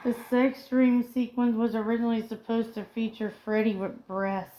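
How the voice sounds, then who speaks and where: A woman's voice: on the high side, flat delivery, normal speed, warm tone, rough recording. A woman co-hosting a casual pop culture chat, reading film trivia aloud and often stumbling over and correcting her words. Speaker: co-host.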